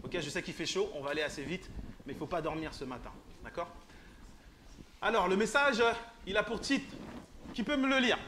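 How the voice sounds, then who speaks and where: Lay preacher, man, fairly high voice, playful teasing delivery with questions to the room, faint background hiss. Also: fairly quick, bright, forceful tone. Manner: joking, teasing, questions the audience. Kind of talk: informal sermon to a congregation. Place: church hall.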